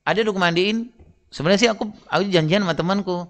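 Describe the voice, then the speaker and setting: A man voicing a caring schoolboy son who speaks softly and confidingly, in a lower voice. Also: quick pace, lightly acted.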